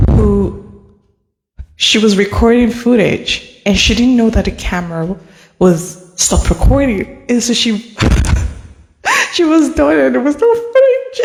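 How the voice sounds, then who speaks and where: A woman's voice: mid-range voice, in a large hall. A woman hosting a live stream, talking straight to her viewers, flustered and laughing as she goes. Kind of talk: casual live-stream talk.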